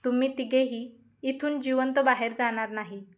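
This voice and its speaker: A woman's voice: sits high, fairly even intonation, moderate pace, natural voice. A woman voicing a ruthless male businessman villain who speaks in cold threats. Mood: menacing.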